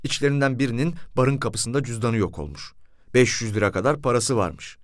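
A man's voice: mid-range voice, brisk, no room sound, studio quality. A man reading a first-person novel aloud as an audiobook, telling the story expressively. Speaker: audiobook reader.

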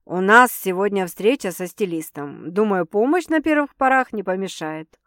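Woman doing a chill confident guy, slow and even, dry sound. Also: mid-range voice, dry recording, lightly acted. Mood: calm. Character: calm confident wealthy man.

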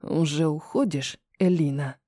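A furious young man speaks low and hushed through his teeth, each threat held back rather than shouted, as a woman narrator puts him on. The voice sits lower than the reader's own, with a dark, mellow tone. It is dry and close, an audiobook character. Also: measured pace, no room sound. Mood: menacing.

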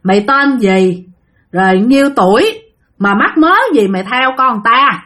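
A stern old hermit healer barks orders and scolds, his voice pushed high and loud, as a woman storyteller puts him on. He is gruff and commanding from start to finish. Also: lively intonation, a little slow. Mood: scolding.

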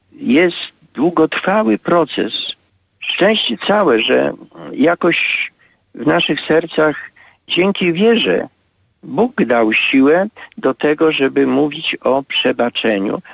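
A priest in his eighties giving a radio interview, speaking slowly and reflectively with halting pauses. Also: on the high side, lively intonation, gravelly, no echo, low-quality recording. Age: 80s. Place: radio studio.

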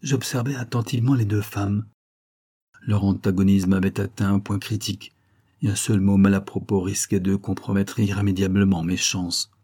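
Man, audiobook narration, low pitch, husky voice, measured and even. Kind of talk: scripted narration.

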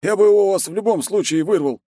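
Man doing a high, cagey village headman. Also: fast talker, mellow, dry recording. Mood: sly. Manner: folksy, cagey, wheedling. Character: wary folksy village headman, middle-aged male warrior.

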